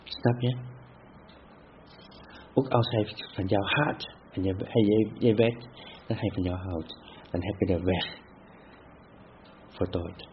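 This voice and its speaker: A man giving a spiritual talk as a meditation teacher, speaking deliberately with repetitive phrasing and halting restarts. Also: on the low side, fairly even intonation. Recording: dull lo-fi with faint hiss.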